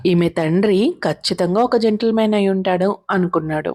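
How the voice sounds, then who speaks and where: A woman telling a serialized story in a steady, even narrating manner. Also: mid-range voice, a little fast.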